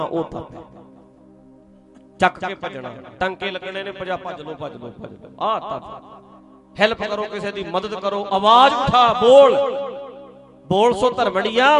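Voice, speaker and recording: A man from Punjab in India preaching a Sikh sermon to a congregation, lively and teasing, throwing rhetorical questions at his listeners. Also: high-pitched.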